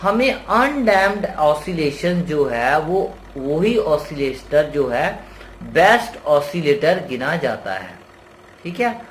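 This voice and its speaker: A man's voice: fairly high pitch, sing-song, slow pace, a little hiss or hum. A man teaching an engineering lesson, explaining step by step and asking and answering his own questions. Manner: voices students' doubts. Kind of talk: explanatory lecture.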